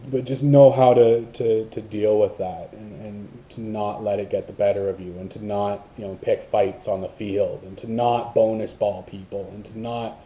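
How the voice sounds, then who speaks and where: A man's voice: on the low side, fairly even intonation, normal speed, few pauses, warm tone. A man vlogging about paintball to camera, in a rambling casual talk with many fillers and restarts.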